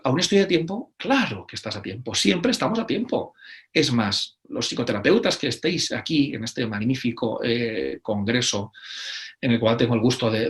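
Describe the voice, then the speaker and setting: Man, middle-aged, Spain Spanish accent, conference speaker, animated, acts out quoted voices, hesitant fillers, medium pitch. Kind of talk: conference talk.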